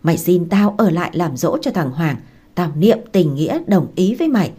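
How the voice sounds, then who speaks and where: A woman doing a raging older mother-in-law, shrill and cursing, wildly swinging pitch, husky edge. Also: sing-song, a little fast, warm tone. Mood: enraged. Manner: screaming abuse, cursing.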